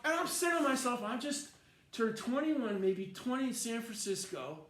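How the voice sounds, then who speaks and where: A man rambling in a profane, animated monologue, swinging from mumbling to shouting. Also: very high voice, moderate pace. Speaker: vlogger. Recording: roomy echo with faint noise.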